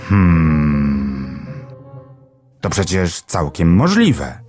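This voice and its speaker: A man voicing a big sleepy bear in a children's storybook, musing slowly with drawn-out hums. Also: rumbling low, sing-song, a little mellow, faint music behind, heavily acted. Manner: slow, humming, drowsy musing. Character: big sleepy male bear, slow and pondering. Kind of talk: storybook reading.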